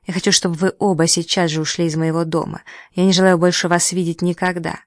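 An audiobook reader voicing a proud, sharp-tongued young woman who speaks with sarcasm and indignation. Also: fairly low pitch, level tone, quick pace, dry recording, studio quality, lightly acted. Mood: furious. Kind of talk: audiobook dialogue.

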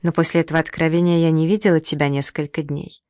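An audiobook reader voicing a proud, sharp-tongued young woman who speaks with sarcasm and indignation. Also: sits low, flat delivery, fast talker, no room sound, studio quality, natural voice. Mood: sarcastic. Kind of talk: audiobook dialogue.

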